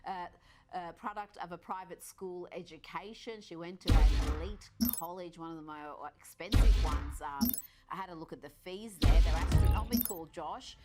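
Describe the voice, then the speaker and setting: A woman's voice: fairly low pitch, normal speed, loud music behind the voice. A woman hosting political commentary, pointed and sardonic as she talks. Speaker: news commentary host.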